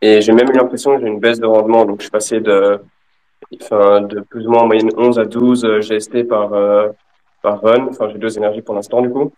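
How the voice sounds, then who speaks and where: A man calling in to casually describe his experience, halting and correcting himself. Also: lowish voice, flat delivery, a little mellow. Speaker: caller. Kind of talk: casual account of a problem.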